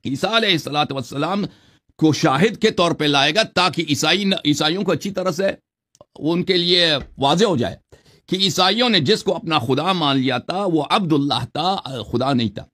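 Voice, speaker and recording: A man argues insistently in a heated religious debate, cutting in and slowing down to recite verses. His voice is high and bright. It has a forceful edge. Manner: insistent, argumentative, recites scripture slowly.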